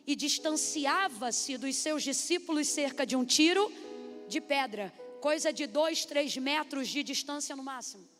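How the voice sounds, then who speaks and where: Brazilian lady preacher, really high voice, echoey hall, soft music behind. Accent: Brazilian Portuguese. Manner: animated, calls out to the congregation. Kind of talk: sermon. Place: church hall.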